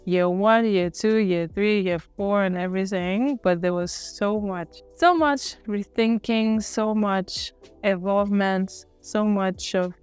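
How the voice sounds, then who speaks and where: A woman's voice: mid-range voice, takes it slowly, darkish tone, clear, resonant tone, faint music behind. A young woman from Cameroon telling her own college story in a casual, earnest, reflective way, often musing and correcting herself. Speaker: vlogger.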